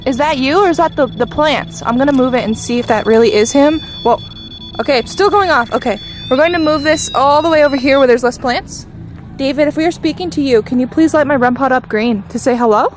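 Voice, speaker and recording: A woman's voice: sits high, fairly quick, faint music behind, low-quality recording. A young woman in a casual, chatty ghost-hunting vlog, talking directly to spirits and to her viewers. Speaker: paranormal vlogger.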